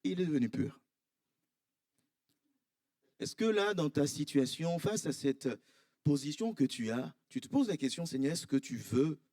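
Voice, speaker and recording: A man in his thirties, a pastor with an Ivorian French accent, preaching a sermon. He swings from high, emphatic cries to low, quiet asides. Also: expressive, normal speed, long pauses, dry recording, clean studio sound. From Ivory Coast. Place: church.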